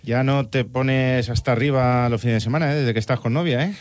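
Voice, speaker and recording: A man's voice: medium pitch, fairly quick, dry recording. Teasing man on studio radio. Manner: teasing, animated storytelling. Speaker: regular contributor. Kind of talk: casual radio talk.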